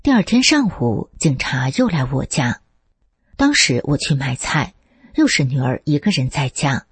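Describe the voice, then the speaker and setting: A woman narrates a personal account from a script in a deeply husky, breathy voice. Her pitch rises and falls freely, and she lifts it higher whenever she reads out someone's words. The sound is dry and close, with no room around it. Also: very animated, moderate pace, no echo. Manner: reads steadily, lifts the pitch for quoted speech.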